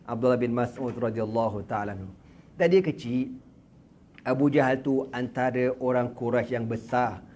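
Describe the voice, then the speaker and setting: A man with a Malaysian Malay accent giving a religious lecture in a prayer room, telling the story in a lively, joking way with slang and sound effects. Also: mid-range voice, normal speed, slight background noise. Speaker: religious teacher.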